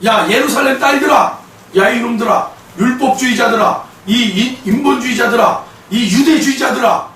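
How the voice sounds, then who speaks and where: A man's voice: very high-pitched, normal speed. A male preacher voicing God as a protective king who rebukes those who mock his people, delivered as a sermon in a reverberant church. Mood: fierce rebuke. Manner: declaiming with fierce shouted rebukes. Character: God as a protective king scolding the world's mockers. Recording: echoey hall from a distant mic.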